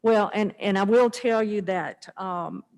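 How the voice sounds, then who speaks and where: Woman, masked, chatty earnest testimony, mid pitch, long hall reverb. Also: measured pace, darkish tone. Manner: chatty, earnest, some restarts. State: speaking through a face mask. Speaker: state legislator presenting a bill. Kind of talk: formal committee testimony. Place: legislative committee room.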